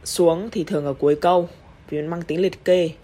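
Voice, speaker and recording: A woman's voice: on the low side, fairly even intonation, warm tone. Blunt Vietnamese woman teaching English intonation. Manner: blunt, scolding asides in Vietnamese; slow, exaggerated intonation on English examples. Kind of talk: online English pronunciation lesson.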